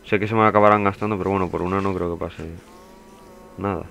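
A man's voice: low voice, steady tone, quick pace, vocal fry, a little hiss or hum. A young man giving casual, swearing let's play commentary as a gaming youtuber. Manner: swearing, chatty, bursts into panicked yelling.

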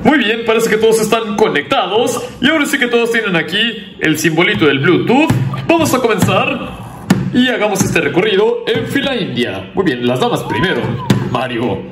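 A man's voice: high-pitched, big pitch swings, normal speed. A man narrating a casual toy review in the role of presenter. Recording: roomy echo, music behind. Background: music.

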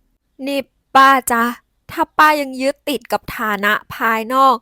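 A woman voicing a calm, dignified young woman. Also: high-pitched, unhurried, no room sound, clean studio sound. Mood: firm. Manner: soft, polite and steady.

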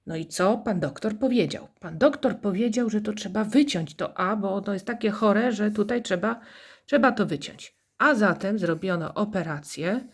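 A woman's voice: medium pitch, moderate pace, husky. A woman teaching English to young children in a recorded lesson. She explains patiently, tells playful little stories and has the class repeat after her.

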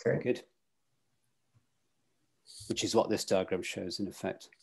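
In a casual online club video call about weather and tides, a middle-aged man acts as host, thinking aloud with fillers and restarts. His voice is low-pitched, a little slow, creaky and slightly rough.

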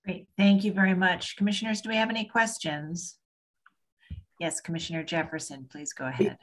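A woman chairing a public hearing, calm and procedural as she takes questions and moves the agenda along. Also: lowish voice, fairly quick. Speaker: commission chair.

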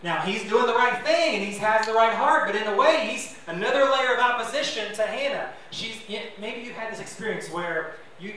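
Guy giving a sermon, high bright voice, chatty asides, echoey church from a bit far off. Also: a little hiss or hum. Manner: conversational, self-deprecating, asides to the congregation. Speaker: pastor. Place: church sanctuary.

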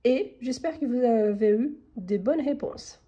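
In a husky, dark voice on the higher side, a woman patiently takes her online students through French grammar at a measured pace. She reads out each exercise sentence, then explains the rule. Her voice is congested because she has a cold.

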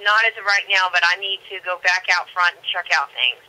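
A woman's voice: lowish voice, a little fast, sharp tone, rough recording. A woman working at a restaurant, answering a customer call over the phone in a brief, businesslike way. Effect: telephone. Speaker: restaurant employee answering calls.

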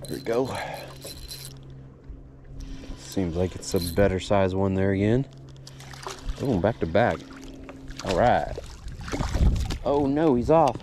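Speaking slowly and expressively with long pauses, a fishing channel host provides casual, upbeat commentary from his boat as he fishes. Background noise comes through on the outdoor action-camera recording, and he keeps saying "boom" in his laid-back way.

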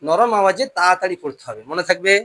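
A Quran reading teacher giving a patient lesson, drilling pronunciation call-and-response, often repeating questions and slowing down to model each word. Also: mid-range voice, lively intonation, fairly bright tone, no room sound.

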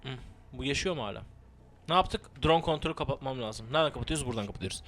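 A young man narrating his own gameplay in a let's play, swearing freely and cracking jokes as he goes. His voice sits at an ordinary pitch, jumping into sudden excited shouts before dropping back to muttered remarks. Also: very fast. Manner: profane, excitable, joking running commentary. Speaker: gameplay commentator.

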